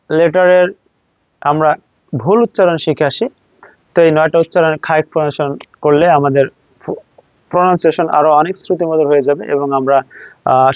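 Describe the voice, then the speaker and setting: A man with a Bangladeshi accent teaching English letter pronunciation, repeating each letter slowly in a classroom style. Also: fairly high pitch, no room sound. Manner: slow, drilling letters one by one. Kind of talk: classroom lesson. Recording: dull, dry sound.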